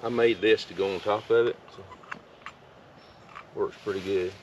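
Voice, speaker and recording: A man's voice: on the low side, fairly even intonation, moderate pace, a little mellow, muffled recording. A middle-aged man, talking to himself and the camera in a folksy way while making camp coffee in the woods. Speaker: outdoors vlogger. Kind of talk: casual solo narration while camping. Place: forest clearing outdoors. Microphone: camera set on the ground some distance away. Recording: distant camera mic, outdoor noise.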